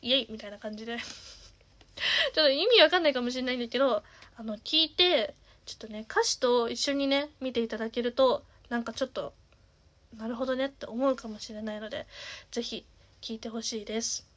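A young woman in her twenties with a naturally nasal voice, chatting casually as a singer and streamer, with lots of fillers and the odd soft half-whisper. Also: fairly high pitch, fairly quick. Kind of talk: casual chat.

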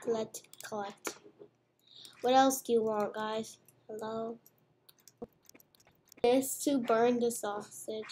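Here a young girl's voice is a little high, husky and darkish, with fairly even intonation, a slow pace and long pauses. She plays a restaurant game at home as a gamer, chatting playfully and narrating her moves, while mouse clicks and faint background noise come through.

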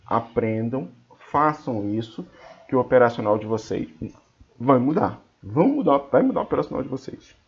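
A man's voice: mid-range voice, sing-song, moderate pace, muffled recording. A man with a Brazilian Portuguese accent teaching trading in an informal screen-share lesson, talking colloquially and scolding and joking with his viewers. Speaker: trading instructor.

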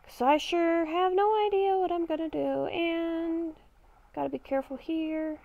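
Playing a roleplay character in a game, this gamer improvises narration, musing aloud and saying things more than once. Her voice is very high-pitched with vocal fry, her intonation fairly even and her pace a little slow. The lo-fi mic gives a dull sound.

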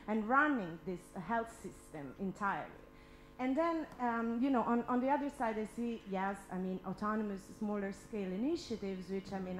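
A woman in her thirties speaking as a panelist in an impromptu discussion, halting and repeating words as she argues earnestly into a handheld microphone. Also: on the high side. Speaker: symposium panelist. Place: indoor symposium room. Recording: roomy hall echo, noise and hum.

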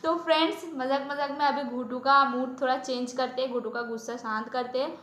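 A woman's voice: high voice, fairly even intonation, a little fast, a bit bright, roomy sound. A young woman with a Bengali accent, playfully chatting and pleading in a casual couple vlog. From Kolkata, India. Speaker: vlogger.

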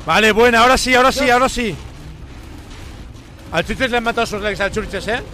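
A man with a Spain Spanish accent giving excited, repetitive gameplay commentary as a streamer. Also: very high voice, brisk, a little hiss or hum. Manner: excitable, repeats himself, exclaims a lot.

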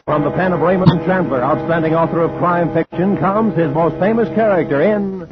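A man's voice: a little high, brisk. A male announcer introducing a 1950 radio drama in a formal, declaiming manner. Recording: dull old radio recording with music.

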